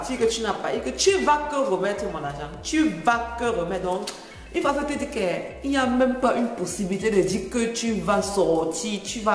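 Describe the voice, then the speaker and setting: A chatty vlogger woman with a Cameroonian French accent explains slang to her viewers, going over each phrase more than once. Her voice rings out in a roomy space with a long echo tail. Faint music plays underneath. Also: mid-range voice. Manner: chatty, laughs often, repeats phrases to explain. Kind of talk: casual explanatory chat to camera.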